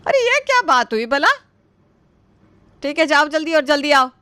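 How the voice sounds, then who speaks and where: A woman's voice: medium pitch, measured pace, fairly bright tone, no echo. A woman voicing a scheming, stingy middle-aged mother-in-law who stammers when flustered.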